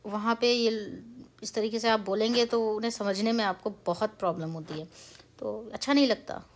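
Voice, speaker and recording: एक युवा भारतीय महिला, भारतीय लहजे में, हिंदी और अंग्रेज़ी मिलाकर, धैर्य से उच्चारण का पाठ बातचीत के अंदाज़ में समझाती है।. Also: female voice, mid-range voice. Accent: Indian English. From India. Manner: chatty, mixes Hindi and English, explains patiently. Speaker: pronunciation teacher. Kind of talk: casual spoken lesson.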